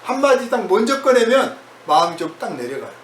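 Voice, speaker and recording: A man's voice: sits high, very animated, a little fast. A male pastor preaching in a conversational way, acting out prayers in quoted voices. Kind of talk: sermon. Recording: echoey hall from far off, faint noise.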